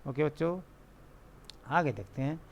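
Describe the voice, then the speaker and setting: A male teacher with an Indian accent explaining spelling rules, reading English lines slowly and repeating each point in Hindi. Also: on the high side, lively intonation, vocal fry. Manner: repeats questions and answers them himself. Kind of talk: classroom lesson explaining rules.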